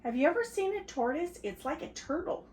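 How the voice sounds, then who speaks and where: An older woman reading a picture book to her grandchildren, stopping for animated asides to young listeners. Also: high voice, brisk. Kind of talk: read-aloud story time. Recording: roomy echo, faint background hiss.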